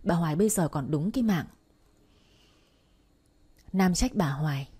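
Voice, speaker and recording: Low, breathy woman telling bedtime stories. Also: unhurried. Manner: calm, even storytelling. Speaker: storyteller. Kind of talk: bedtime story narration.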